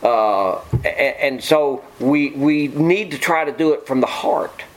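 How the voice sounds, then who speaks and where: A man's voice: medium pitch, takes it slowly, rough recording. A middle-aged man preaching an informal sermon, joking with his congregation. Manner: folksy, joking asides to the congregation.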